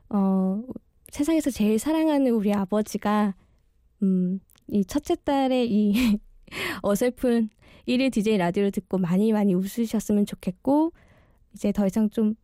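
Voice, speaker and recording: A woman in her early thirties speaks a little slowly in a warm, medium-pitched voice as she guest-hosts a late-night radio show for one day. Bashful and sincere, this amateur DJ talks about personal matters, her articulation softened by dental braces. The studio sound is clean, without room reverb.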